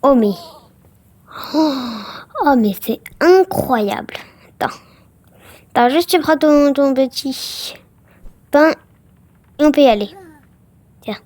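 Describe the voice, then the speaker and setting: A woman's voice: high-pitched, expressive, slow, pauses often, darkish tone, no echo. A woman casually commenting on a game she plays for viewers, chatty and full of exclamations and filler words. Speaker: gaming vlogger.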